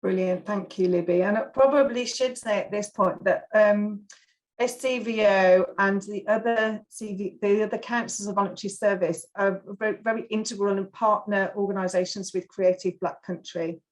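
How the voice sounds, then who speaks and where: A woman hosting an informal panel, introducing speakers in halting, hesitant phrases. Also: medium pitch, steady tone, low-quality recording. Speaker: panel host.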